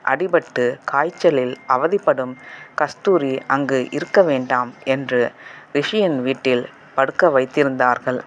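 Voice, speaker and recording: A man narrating a novel as an audiobook in a calm, measured storytelling manner. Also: medium pitch, slight background noise.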